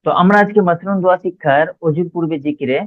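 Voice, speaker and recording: A man's voice: on the high side, no echo. Man teaching prayers over tinny audio. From Bangladesh. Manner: slow, drawn-out recitation of Arabic words between explanations. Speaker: religious teacher. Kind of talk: recorded Arabic pronunciation lesson. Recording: dry, phone-like lo-fi audio.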